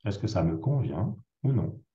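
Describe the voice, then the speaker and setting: A man, a psychiatrist being interviewed, explains a clinical technique through worked examples in a relaxed, conversational way with frequent hesitations. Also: low voice, normal speed. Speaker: psychiatrist guest. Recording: roomy, dull lo-fi sound.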